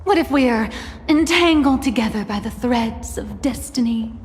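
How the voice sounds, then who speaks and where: Lilting, playful young writer. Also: female voice, fairly high pitch, expressive, a little hiss or hum. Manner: teasing, breezy, drawn-out phrases. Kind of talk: video game character acting. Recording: reverberant with faint music.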